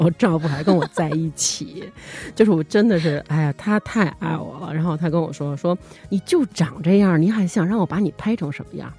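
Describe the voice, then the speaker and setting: Fast-talking woman. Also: deep voice, breathy edge. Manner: animated, laughs often, acts out dialogue. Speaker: podcast co-host. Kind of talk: casual chat, comic storytelling.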